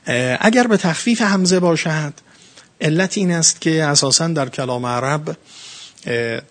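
A middle-aged man giving a religious lecture on the Quran, earnest and emphatic, with sudden rising bursts and slow, stressed phrases. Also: a little high, fairly bright tone.

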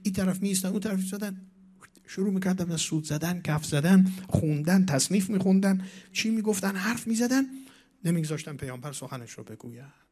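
Male preacher, slightly high voice, recites scripture, drops low then bursts loud. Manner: recites Arabic verses and Persian verse; dramatic swings between soft and loud. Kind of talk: religious lecture.

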